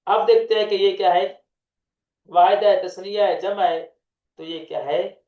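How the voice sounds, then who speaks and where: A man's voice: sits high, fairly even intonation. A male grammar teacher giving an online lecture, posing questions to the class and answering them himself. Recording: echoey, distant, dull lo-fi room sound.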